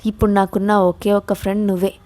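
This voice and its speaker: A woman's voice: mid-range voice, flat delivery, fast talker, close to an everyday voice. A woman doing an anxious young heroine. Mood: quiet. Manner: anxious then sharp.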